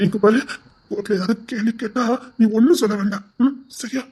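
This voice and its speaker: A woman acting out a frantic, pleading husband in a homemade drama, with a husky, high voice and a Tirunelveli Tamil accent. He keeps repeating himself. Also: a little fast, a little mellow. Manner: pleading, repeats words over and over.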